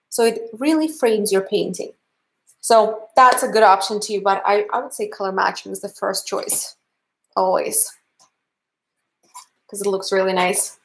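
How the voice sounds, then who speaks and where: In a low-quality recording, a medium-pitched woman's voice belongs to a painting instructor in her thirties who is finishing a livestream class from her home studio indoors. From Canada and speaking with a Russian accent, she sounds friendly and upbeat.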